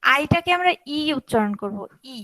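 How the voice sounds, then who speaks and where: Young Bangladeshi woman teacher, high voice, drills vowels patiently, dry sound. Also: normal speed, a bit bright, no echo, rough recording. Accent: Bangladeshi Bengali. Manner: explains pronunciation patiently, repeating vowel sounds. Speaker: language teacher. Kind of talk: online class lesson.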